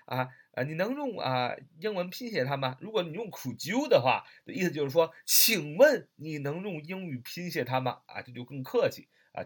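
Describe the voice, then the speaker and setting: A man's voice: mid-range voice, a bit bright. A man teaching English vocabulary in a recorded lesson with a Mandarin Chinese accent, patiently repeating words and spelling them out letter by letter.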